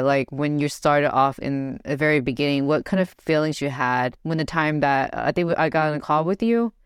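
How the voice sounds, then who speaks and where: Low smooth lady host coaching a guest, encouraging, lots of you know, dry mic. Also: no room sound. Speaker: podcast host and business coach. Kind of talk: casual podcast interview.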